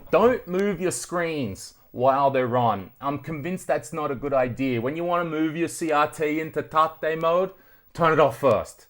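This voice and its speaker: Speaking at a measured pace with a fairly high, slightly bright voice, the Australian retro tech host tells stories straight to camera. His delivery is relaxed and conversational, with plenty of swearing.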